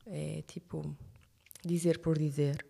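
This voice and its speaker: A young woman from Verde, speaking as a guest in a relaxed, reflective podcast interview. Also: sits low, takes it slowly, creaky, slight background noise. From Cape Verde. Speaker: guest, TV presenter.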